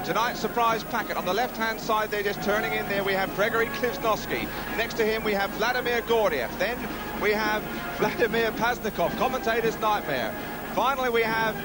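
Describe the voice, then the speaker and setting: A man's voice: sits high, low-quality recording. A man presenting and commentating on live speedway in punchy, colourful broadcast patter. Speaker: television sports commentator. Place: outdoor stadium commentary position. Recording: 1970s outdoor stadium TV broadcast.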